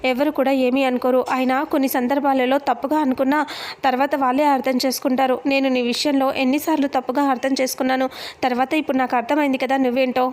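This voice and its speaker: A woman's voice: high-pitched, flat delivery, fast talker, a little mellow, lightly acted. A woman voicing a stern young husband who protects his wife, reading his lines in a story recap. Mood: soothing. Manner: stern, scolding.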